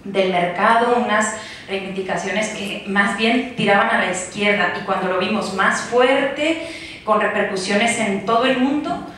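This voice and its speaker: A woman's voice: mid-range voice, a little slow, fairly bright tone. A woman researcher asking a hesitant question from the audience in a university lecture hall. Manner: hesitant, many fillers. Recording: echoey hall from far off, faint noise.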